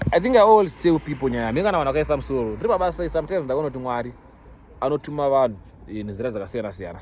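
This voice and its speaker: Fast-talking young Zimbabwean man, emphatic. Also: mid-range voice, darkish tone. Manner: emphatic, repeats himself for stress. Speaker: vlogger. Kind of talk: casual chat to followers, mixing Shona and English. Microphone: phone. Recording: noisy background ambience, phone recording.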